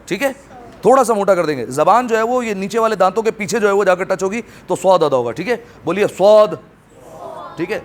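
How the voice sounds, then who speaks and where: A man teaching tajweed pronunciation to a class, slowly stretching out Arabic sounds for students to repeat and then explaining quickly. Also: high voice, lively intonation. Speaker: Quran recitation teacher.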